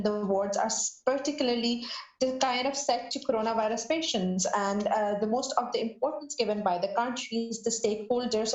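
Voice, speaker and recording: A woman on a podcast panel answering a question off the cuff, pausing, restarting and searching for words. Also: fairly high pitch. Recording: roomy, dull lo-fi sound.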